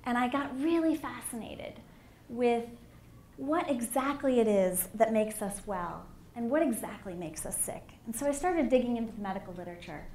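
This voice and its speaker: Woman, middle-aged, candid and emphatic, keynote talk, fairly high voice, roomy hall echo. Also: normal speed. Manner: candid and animated, with emphatic swells. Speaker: conference speaker. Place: conference hall. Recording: echoey hall with faint room noise.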